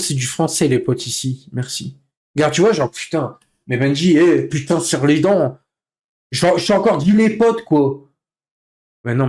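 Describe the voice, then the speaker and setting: A man live streaming in casual chat, venting with heavy swearing and breaking into nervous laughter as he reacts to comments. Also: a little mellow. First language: French. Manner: bursts into nervous, high-pitched laughter.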